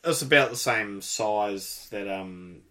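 Man, very low voice, casual chat, rambling, technical, swears casually. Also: takes it slowly, sharp tone.

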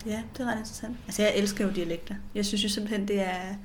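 A woman co-hosting a podcast in casual chat, friendly and relaxed, reading out listener messages. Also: mid-range voice, a little hiss or hum.

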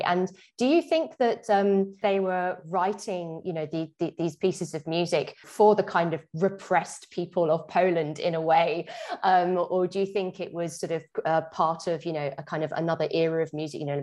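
A woman's voice: sits low, darkish tone. A woman hosting an arts podcast, reading a scripted intro and then asking chatty, enthusiastic questions full of fillers. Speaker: podcast host.

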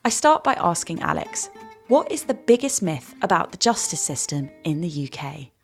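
Woman hosting, slightly low voice. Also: sing-song, moderate pace, gravelly, soft background music. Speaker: podcast host and interviewer. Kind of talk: scripted introduction and interview questions.

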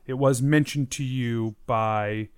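Brief: man as game master and host, mid-pitched, storyteller delivery for a tabletop adventure podcast. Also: fairly even intonation, takes it slowly, clear, resonant tone.

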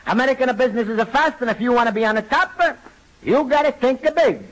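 A man's voice: very high-pitched, quick pace, low-quality recording. An actor playing a naive, self-important Italian immigrant would-be businessman, earnest and boastful with an Italian accent, in an old radio sitcom. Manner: earnest, boastful, mangles American slang. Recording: old radio recording with faint noise.

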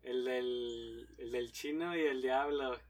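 A man hosting a casual chat, reacting to a joke with quick chuckling remarks. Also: medium pitch, steady tone. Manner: eager listener, short chuckling reactions. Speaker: podcast host.

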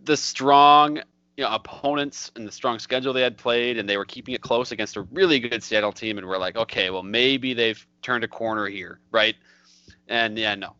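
Male podcast co-host, lowish bright voice, chatty and hedging, muffled dry recording. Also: steady tone, normal speed, clear, resonant tone, no room sound. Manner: chatty, hedging, lots of "like" and "you know". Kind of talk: casual sports podcast talk.

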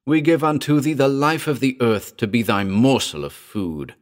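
A man's voice: medium pitch, moderate pace, voice pushed up, natural voice. A man voicing a fanatical worm-worshipping priest who chants and declaims a litany in a dramatic horror-story reading. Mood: fervent.

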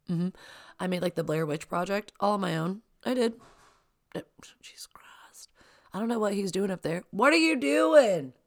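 A young woman hosting her own podcast at home, chatting in an excitable, rambling way with lots of asides. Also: deep voice, creaky. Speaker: podcast host. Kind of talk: casual solo podcast chat. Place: home, child playing upstairs. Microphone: sensitive podcast microphone.

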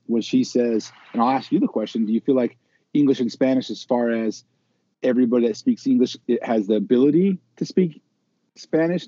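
Very dark-voiced man, thoughtful podcast guest. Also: mid-range voice. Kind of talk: casual podcast chat. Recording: dry, dull lo-fi audio.

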